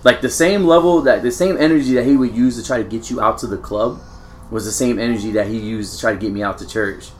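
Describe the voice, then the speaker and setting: A man's voice: medium pitch, fast. An American man telling stories casually among friends, peppering his slangy talk with bro, dude and man. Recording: clear background noise.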